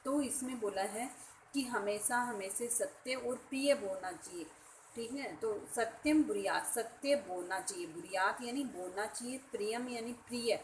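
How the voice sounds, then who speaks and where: Slow, patient woman teaching verses. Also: medium pitch, a little hiss or hum, poor audio. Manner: slow, explanatory, repeats each word with its meaning. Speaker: Sanskrit teacher. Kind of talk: online class lesson explaining verses.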